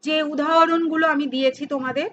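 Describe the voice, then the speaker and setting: A woman's voice: sits high, steady tone, fast talker, fairly bright tone, muffled recording. A middle-aged woman teaching a grammar lesson to students, explaining step by step and asking and answering her own questions. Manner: addresses students informally, teasing aside.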